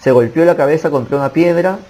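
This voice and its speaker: A man narrating an audiobook in a steady storytelling manner. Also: on the high side, fast, poor audio. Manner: steady storytelling reading, occasional slips. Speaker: audiobook reader.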